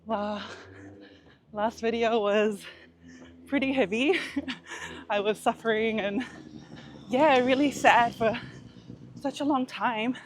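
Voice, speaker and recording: Slow-paced woman vlogging while out running. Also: a little high, a little hiss or hum. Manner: candid, introspective. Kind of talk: casual, reflective personal vlog.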